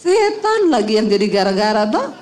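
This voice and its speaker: A woman's voice: mid-range voice, very animated, normal speed, darkish tone. A middle-aged woman pastor preaching a storytelling sermon, talking straight to the congregation and acting out the voices of the people in her story. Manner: addresses the congregation directly as saudara and ibu-ibu.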